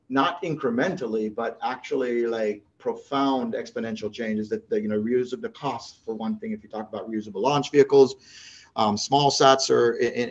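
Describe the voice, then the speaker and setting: A mid-pitched man gives a conference talk as an agency director, bursting with excitement and tripping over his own restarts as he races from point to point. His voice comes through a slightly dull, lo-fi recording. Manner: animated, rambling with many restarts and fillers. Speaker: NASA associate director giving a talk.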